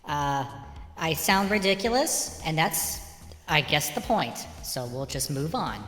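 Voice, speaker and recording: A man heard through a female pitch-shift preset, joking sheepishly about how he sounds. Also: lively intonation, slow, fairly bright tone, reverberant, in a large hall, soft background music.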